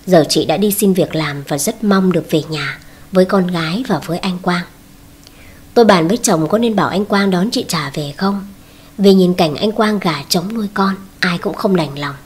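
Husky-voiced woman narrating a story. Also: fairly low pitch, normal speed, darkish tone.

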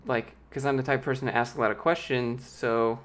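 A streamer in his late twenties rambles casually through a live-stream chat, reading viewer questions aloud and answering as he goes. His light, boyish voice occasionally squeaks, his tone is fairly bright, and he talks fairly quickly with fairly even intonation. He sits close to a large pop-filtered studio mic in a small home office.

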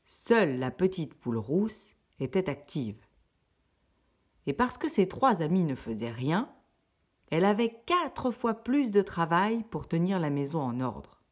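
A woman reading a storybook to children in a slow, expressive, singsong way. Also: lowish voice.

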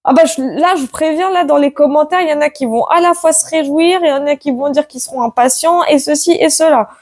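Lady doing a tarot reading on camera, highish voice, dry close sound, keeps saying hein and gets all worked up. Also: quick pace, no room sound. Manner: excitable, exclaims loudly, many "hein" tags. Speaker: tarot card reader. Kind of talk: casual card-reading video.

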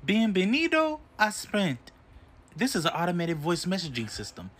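A man's voice: sits high, wildly swooping pitch, moderate pace, a bit bright, slight background noise, full character voice. A man imitating a stiff, unhelpful automated phone menu in a comedy skit. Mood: robotic. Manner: stiff, formal, robotic politeness.

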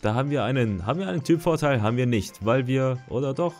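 A man's voice: medium pitch, fast, soft background music. Chatty young man playing a game. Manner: chatty, excitable, mutters to himself. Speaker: gaming let's-player. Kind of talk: casual gameplay commentary.

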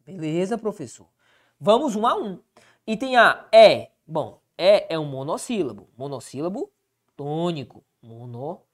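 A Brazilian woman teaching an exam-prep lesson, checking in often with quick rhetorical questions. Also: on the low side, sing-song.

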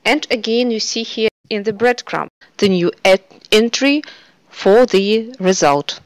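Dry, steady woman tutorial narrator. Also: a little high, a little slow, no room sound, rough recording. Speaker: software tutorial presenter. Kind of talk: scripted screencast narration.

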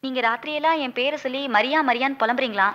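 A bold young employee. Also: female voice, high voice, very fast, a bit bright, highs cut off. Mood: complaining. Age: young adult. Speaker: office employee. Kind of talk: comic film dialogue.

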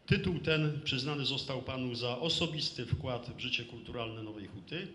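A man's voice: mid-range voice, moderate pace, bright, forceful tone. A man reading out a formal award citation in a ceremonious manner as the presenter. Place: hall at a public ceremony. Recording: echoey hall, light noise, audience.

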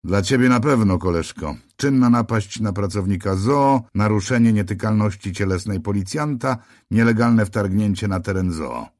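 A man's voice: lowish voice, expressive, normal speed, hardly any pauses, darkish tone, dry recording, studio quality, natural voice. A man voicing a tired, heavyset male police officer near fifty in an audiobook, matter-of-fact and a little sardonic. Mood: weary. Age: middle-aged. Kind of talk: audiobook character voice.

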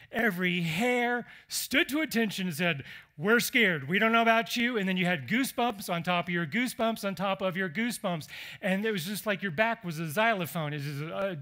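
Pastor guy preaching, high bright voice, lively and chatty, asks the room questions. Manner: animated, conversational preaching with questions to the congregation. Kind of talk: sermon. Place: church.

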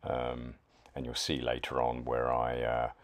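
A man with a British accent narrating his woodcarving project in a casual voice-over, hesitant with many pauses and restarts. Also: extremely low pitch, completely flat delivery. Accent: British English. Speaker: chainsaw wood carver.

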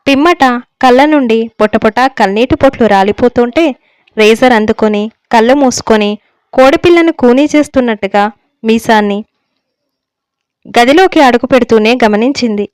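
A woman telling a comic short story aloud with a lively, playful delivery. Her voice sits a little high and sounds smooth and clear. The recording is close and dry. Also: moderate pace, long pauses, no echo. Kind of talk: storybook narration.

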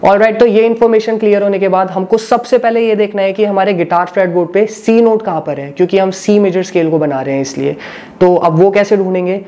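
A man's voice: sits high, mellow. A man teaching a guitar lesson, patiently explaining and repeating each step, mixing Hindi with English phrases.

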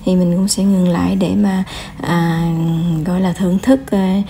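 A woman narrating a family travel vlog in voice-over, pausing often with fillers as she goes. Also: fairly low pitch, flat delivery, creaky, dark tone, slight background noise. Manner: hesitant, many filler pauses. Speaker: travel vlogger.

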